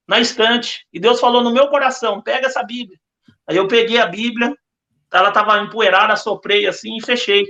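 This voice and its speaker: A man's voice: very high-pitched, sharp tone, muffled recording. A man with a Brazilian Portuguese accent giving an earnest religious testimony as a podcast guest, telling his story with lots of repetition.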